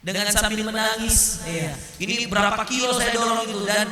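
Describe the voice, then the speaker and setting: A male preacher from South Sulawesi giving an animated sermon, asking the audience rhetorical questions. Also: high voice, moderate pace, crowd noise. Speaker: Islamic preacher. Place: lecture hall of a prayer gathering. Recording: echoey reverberant hall.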